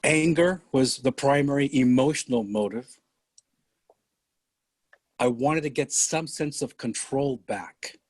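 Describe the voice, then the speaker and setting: Older male guest from San Francisco, unhurried and measured, dry close sound. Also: mid-range voice, darkish tone, dry recording. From San Francisco, USA. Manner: slow, deliberate storytelling with pauses. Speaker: podcast guest. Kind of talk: conversational interview.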